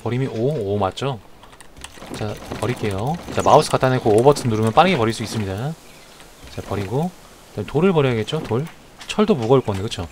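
Male game streamer, live play-by-play, chatty and excitable, mid-pitched voice over clear background noise. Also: a little fast. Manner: chatty, narrates each move, shouts excitedly at fights.

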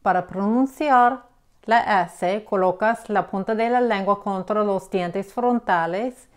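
A woman teaching English pronunciation, explaining slowly and checking in with the listener as she gives examples. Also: mid-range voice, clean tone. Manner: patient, repeats examples, checks with "ok?". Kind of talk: slow explanatory lesson.

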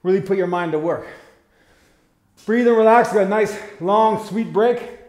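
High-pitched male boxing coach, echoey room. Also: moderate pace. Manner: exerting himself while coaching. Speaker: boxing coach leading a guided workout. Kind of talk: guided workout instruction, short called-out cues and casual encouragement. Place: small bare concrete-block garage gym. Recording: roomy echo, some background noise.

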